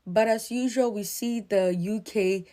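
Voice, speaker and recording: A woman from Ghana with a Ghanaian accent, giving earnest, emphatic spoken commentary in a measured way. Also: medium pitch, warm tone.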